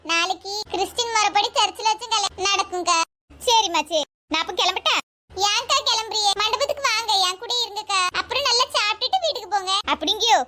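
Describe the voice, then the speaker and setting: A woman's voice: very high-pitched, background noise. A woman playing chatty, teasing young village women at a wedding in a comedy skit. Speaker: comedy channel performer.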